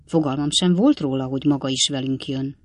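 A reader voicing an earnest, proper elderly gentleman in an audiobook, speaking gravely and a little flustered. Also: medium pitch, lightly acted. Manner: grave, reproachful, slightly flustered. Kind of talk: audiobook character voice.

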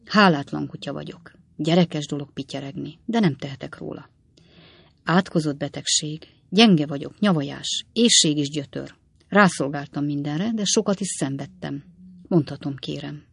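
A woman's voice: deep voice, vocal fry, slightly rough, dry recording, exaggerated voice. A woman voicing a down-and-out male swindler who talks in short, clipped, jerky phrases. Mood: self-pitying.

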